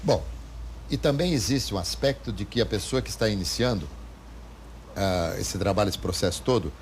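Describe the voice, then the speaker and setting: A man's voice: on the low side, lively intonation, normal speed, a little hiss or hum. Chatty Brazilian male interview host. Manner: chatty, interjecting, reading listener questions. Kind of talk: conversational interview hosting.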